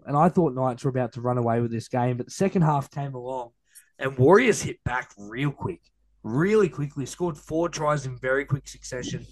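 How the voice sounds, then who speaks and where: Casting: Australian man, casual sports podcast host, medium-pitched, blokey, chatty delivery. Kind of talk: casual chatty match review.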